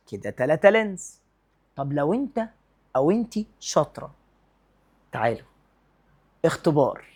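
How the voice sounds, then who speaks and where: A man with an Egyptian Arabic accent teaching a lively physics lesson, quizzing and teasing his students and mixing English terms into his speech. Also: sits high.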